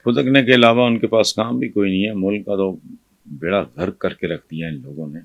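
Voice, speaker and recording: An older male commentator from Pakistan scolds and mocks in a fiery monologue. His voice sits low with a gravelly fry, and the sound is dry and close to the mic. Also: no echo, dull audio. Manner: scornful and scolding, with bursts of loud mockery. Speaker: political commentator. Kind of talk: fiery political commentary to camera.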